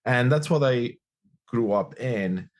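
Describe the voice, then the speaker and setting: A Romanian man in his forties, whose first language is Romanian, chats as a guest in a casual interview, upbeat and reflective and often repeating phrases. His medium-pitched voice is animated and slow-paced.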